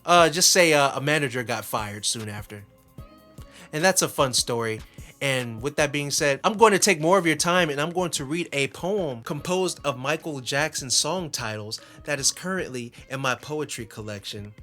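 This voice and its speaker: A man telling a story in a casual vlog, rambling and chatty, with animated asides. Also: mid-range voice. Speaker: YouTuber.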